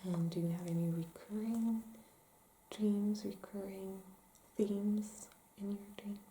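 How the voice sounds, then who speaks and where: A woman playing a calm, gentle therapist in an ASMR role-play, asking careful, hesitant questions in soft-spoken ASMR style. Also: mid-range voice, takes it slowly. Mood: calm, attentive. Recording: roomy echo, faint background noise.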